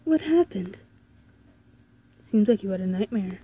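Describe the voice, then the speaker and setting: A woman voicing a gentle, comforting mother, reading game dialogue aloud. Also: medium pitch, animated, a little slow, husky, low-quality recording. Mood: soothing.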